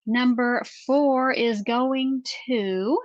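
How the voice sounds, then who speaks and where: A woman's voice: high-pitched, very slow, no room sound, muffled recording. A woman hosting a craft live stream in casual chat. She reads out viewer names and questions in an upbeat way.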